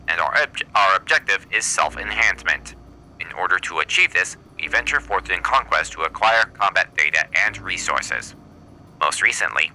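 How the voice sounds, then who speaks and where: A cold machine soldier speaks in a flat, clipped robot voice, as a man puts it on while playing a game. The tone sits very low with a hard, cutting edge. Each line is delivered as if reading out a status report. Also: a little hiss or hum, exaggerated voice, poor audio. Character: cold, monotone male robot soldier, matter-of-fact. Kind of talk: reading game dialogue aloud in character.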